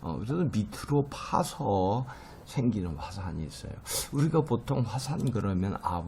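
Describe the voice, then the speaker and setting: A man's voice: sits low, vocal fry, mellow, slight background noise. A middle-aged man teaching a recorded lecture, explaining terms patiently with many fillers and stressing English words strongly.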